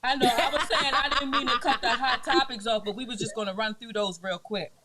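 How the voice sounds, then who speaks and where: A woman's voice: on the high side, fairly even intonation, fairly quick, pushed and bright. A woman co-hosting a casual panel talk show, chatty and often chiming in with "mm-hmm". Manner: frequent affirming "mm-hmm", chatty. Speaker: co-host.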